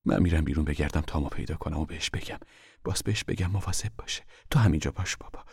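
A man voicing a weary, worried mother who speaks softly and often whispers, in an audiobook reading. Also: very deep voice, gravelly, husky, dry recording, heavily acted. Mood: worried hush. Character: tired worried mother, gentle and firm. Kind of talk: audiobook character voice.

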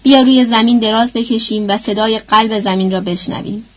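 A guarded grown man speaking quietly and firmly in an audiobook, read by a woman. The sound is slightly dull and lo-fi. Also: a little high, steady tone, natural voice. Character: calm, guarded grown man, the heroine's companion.

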